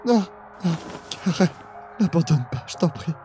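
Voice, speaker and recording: A man acting an emotional young boyfriend in an audio drama, easily exasperated and expressive. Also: on the high side, moderate pace, music in the background, lightly acted. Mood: anguished, pleading. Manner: expressive, swinging from soft narration to anguished cries.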